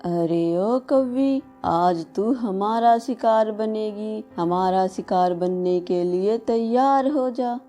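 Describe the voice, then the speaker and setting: A wicked mother witch-bird drawls her threats slowly and deliberately, played by a woman. Her tone is soft and mellow. Faint music plays behind this cartoon voice. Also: mid-range voice, close to an everyday voice. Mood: menacing. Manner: slow, menacing drawl.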